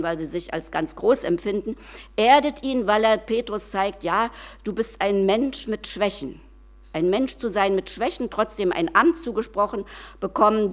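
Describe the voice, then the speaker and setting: A woman giving a personal devotional sermon, speaking conversationally and often tagging "ne" onto her sentences. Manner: conversational, often adds tag question "ne"; slows and lowers voice for quiet reflective passages.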